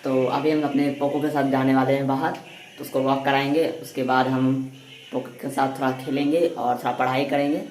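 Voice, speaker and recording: A man's voice: mid-range voice, level tone, a little fast, a little mellow. A young man chatting casually through a vlog while walking his dog and studying, often repeating words as he calls the dog along. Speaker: vlogger. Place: outdoors on wet streets and at home.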